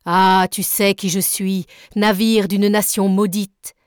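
A woman reading aloud and voicing a vengeful, defiant male sea captain, loud, slow and declamatory, in a dry recording. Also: mid-range voice, flat delivery, no echo, close to an everyday voice.

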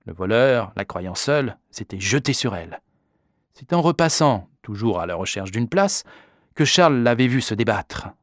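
A man reading a first-person story aloud in a measured, vivid narrating voice. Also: medium pitch, big pitch swings, dry recording, studio quality. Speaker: audiobook reader. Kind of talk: scripted narration.

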